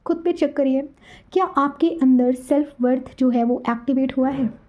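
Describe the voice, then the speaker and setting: A woman's voice: sits high, moderate pace, a little mellow. A woman hosting a spiritual channel, telling a personal story and giving advice in a chatty way. She keeps checking in with the listener and mixes English words into her speech. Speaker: twin flame spiritual channel host. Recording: dull, lo-fi recording.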